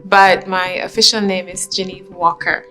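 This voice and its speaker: A woman's voice: lowish voice, steady tone, moderate pace, sharp tone, soft background music. A woman from Jamaica reflecting on her life in an oral history interview, often saying "you know". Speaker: interviewee, nurse.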